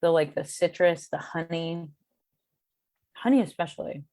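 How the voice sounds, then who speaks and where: A woman chatting casually as a podcast guest, self-deprecating and full of halting restarts. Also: on the low side, warm tone, no echo, clean studio sound. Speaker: guest, cartoonist and beer educator.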